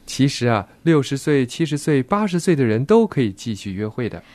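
Relaxed male radio host, mellow tone. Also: medium pitch, a little fast, no echo. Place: radio studio.

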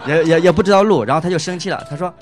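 A man giving a casual spoken testimony about his marriage as a husband. He hesitates, restarts and fills gaps as he talks, and he laughs often. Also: fairly high pitch. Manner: halting, full of fillers and restarts, laughs often.

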